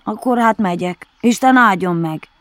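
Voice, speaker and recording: A woman voicing a polite, food-loving male bear who reasons slowly and ponderously, for a storybook reading. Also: medium pitch, fairly bright tone, dry recording, lightly acted. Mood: hungry. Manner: slow, puzzled, ponderous reasoning.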